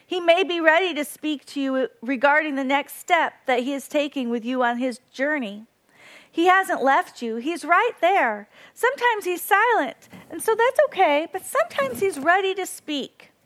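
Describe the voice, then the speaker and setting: Woman, high-pitched, earnest devotional speaker, animated storyteller. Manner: earnest, animated storytelling with imitated bird cries.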